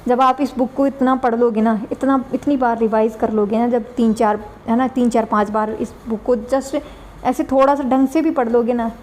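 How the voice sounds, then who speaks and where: A woman's voice: on the high side, fairly even intonation, normal speed, a little mellow, slight background noise. A woman with a Rajasthani Hindi accent teaching an online exam-prep lesson in a chatty way, repeating words and checking in with tag questions. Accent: Rajasthani Hindi (Dhundhari). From Dhundhar region, Rajasthan.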